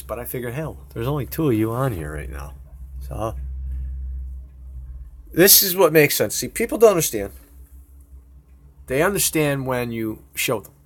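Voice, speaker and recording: Sharing his screen in a home video, the host rambles on with excitable energy and drops casual profanity. His voice is medium in pitch with a breathy edge to it.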